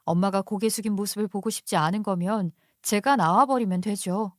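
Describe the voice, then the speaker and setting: A woman's voice: mid-range voice, a little fast, no echo, studio quality. A woman in her thirties narrating a personal story in first person, confiding and speaking directly to the listener. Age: 30s.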